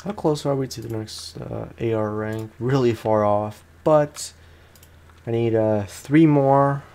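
This male streamer speaks slowly in a mid-range, mellow voice with vocal fry. His let's-play talk is casual, meandering and full of slang as he plays a game for his audience.

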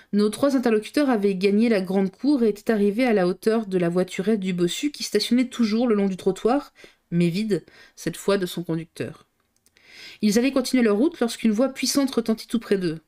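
A woman reading a novel aloud on a live stream, narrating in a steady, clear way. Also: medium pitch.

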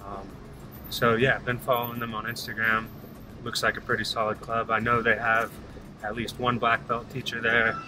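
A man in his thirties talking casually to a phone camera from inside a car, relaxed and thinking aloud with fillers. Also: on the low side, noisy background. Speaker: vlogger. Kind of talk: casual vlog talk to camera. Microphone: phone held at arm's length.

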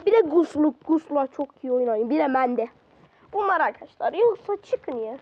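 Woman, high voice, excitable gameplay commentary, grumbles at opponents, bedroom at home, slightly muffled lo-fi sound. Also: moderate pace, slight background noise. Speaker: gaming video creator. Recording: slightly dull lo-fi recording.

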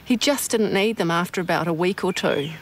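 A woman's voice: on the low side, a little fast, slight background noise. Emphatic middle-aged New Zealand mother. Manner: emphatic, heartfelt. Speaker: mother of a patient.

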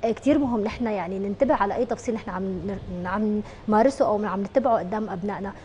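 A woman with a Syrian Arabic accent speaks as a studio guest, explaining in a rapid stream with frequent restarts. Her voice sits a little high but sounds mellow and dark. A faint hum of room ambience stays behind her. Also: dull audio. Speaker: educational psychologist guest. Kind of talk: TV morning show interview.

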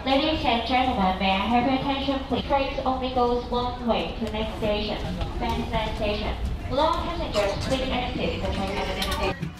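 A woman making a formal public-address announcement for a ride train, played over a loudspeaker. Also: on the high side, normal speed. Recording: echoey loudspeaker heard from far off.

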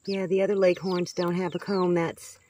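A middle-aged homesteading vlogger walks her land outdoors, chatting casually and folksily and talking to her chickens from time to time. Her lowish, dark voice stays level at a normal speed over slight background noise, recorded on a handheld camera or phone at arm's length.

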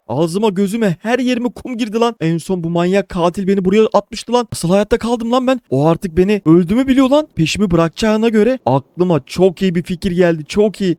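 A man hosting a modded game video, giving excitable commentary to his viewers with lots of casual swearing. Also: sits high, no room sound. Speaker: gaming video host.

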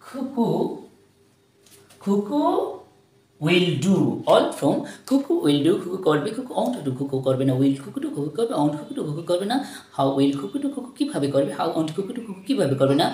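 A woman's voice: low-pitched, darkish tone. A woman with a Bengali accent teaching spoken English, drilling sentence patterns in a mix of English and Bengali. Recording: echoey room.

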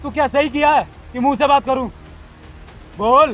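A man's voice: extremely high pitch, normal speed, a bit bright, soft background music. A man playing a stern, commanding bystander. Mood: interrogating. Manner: commanding, repeats curt orders. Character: young man, stern bystander who confronts a bully. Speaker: actor in a staged vlog skit. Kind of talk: staged street drama.

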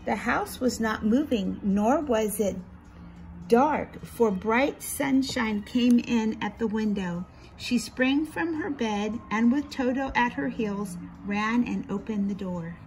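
A woman's voice: fairly high pitch, slow pace, darkish tone, slight background noise, low-quality recording. A woman reading a children's storybook aloud, lifting her voice a little for quoted lines and sometimes stumbling and restarting a word. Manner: reads quotes with small lifts, a few slips and restarts. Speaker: reader.

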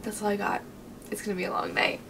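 A woman's voice: medium pitch, very animated, fast, creaky. Young American woman, distant and noisy mic. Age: young adult. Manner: hesitant, filler-heavy storytelling with "like". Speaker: vlogger staying overnight in a garage. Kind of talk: casual night vlog chat. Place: cluttered garage at night, seated on sofa. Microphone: camera a few metres away. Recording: distant camera mic with background noise.

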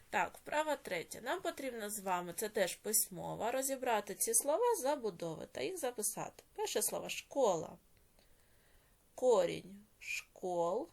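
A woman teacher with a Ukrainian accent, giving a recorded video lesson and spelling out word parts slowly and deliberately. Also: mid-range voice, gravelly, darkish tone.

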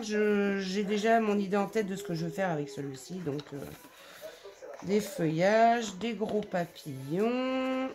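A woman vlogger walks through her scrapbooking purchases in an easy, chatty way. She gushes over every design, trailing off into fillers. She speaks warmly to her viewers as if they were friends. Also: mid-range voice. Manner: enthusiastic, gushing over papers with many fillers; addresses viewers affectionately. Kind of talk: casual product haul show-and-tell.

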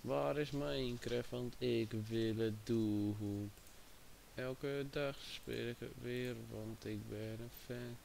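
A man hosting a casual livestream, talking slowly and chattily to his viewers and a friend. His voice is gravelly with vocal fry. A faint hiss sits under the recording. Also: mid-range voice, steady tone, a little mellow. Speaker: livestream host.

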